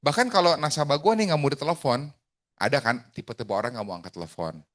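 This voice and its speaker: A man, an insurance agent, chatting casually about sales tips and acting out bright, friendly phone greetings. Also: medium pitch, fast. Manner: lively, acts out phone calls with bright greetings. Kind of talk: casual podcast chat.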